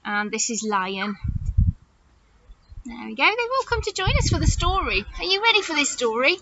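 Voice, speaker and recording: In the manner of a nursery teacher, a woman with a high voice reads a story to young children at a moderate pace, animated and exaggerated, with many direct questions to them. The recording has its highs cut off and background noise.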